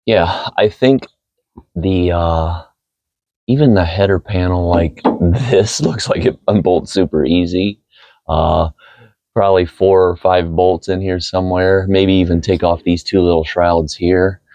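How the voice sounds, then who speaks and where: A man with a growly voice calmly explains car repair steps as a helper mechanic. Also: sits low, unhurried, dry recording, muffled recording. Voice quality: growly, gravelly. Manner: calm, explains step by step. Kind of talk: casual how-to explanation.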